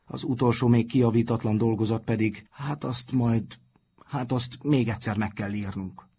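A man's voice: mid-range voice, steady tone, dark tone, husky. A man reading aloud and voicing an earnest, bold teenage schoolboy who takes the lead. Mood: explaining. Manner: earnest, eager.

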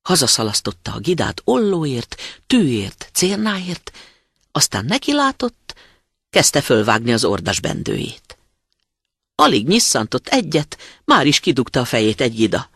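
An expressive storyteller reading a fairy tale aloud with dramatic rises and hushed moments. The voice is husky and gravelly with a lively melody, and the recording is dry and close. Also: medium pitch, no room sound. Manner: dramatic, drops to a whisper at tense moments.

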